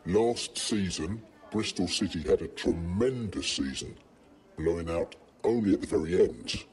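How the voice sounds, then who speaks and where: Deep male interviewer, measured, questioning a guest. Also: expressive, a little mellow. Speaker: podcast interviewer.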